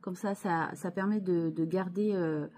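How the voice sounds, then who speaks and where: Woman, casual craft show-and-tell, slow pace, mellow voice, hesitant with restarts. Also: fairly low pitch, steady tone. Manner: hesitant, many fillers and restarts, chatty asides to viewers. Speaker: scrapbooking channel host.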